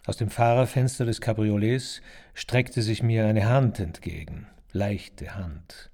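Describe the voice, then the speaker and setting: A man reading a literary novel aloud in the first person, measured and deliberate. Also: on the low side, a little mellow. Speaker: audiobook narrator.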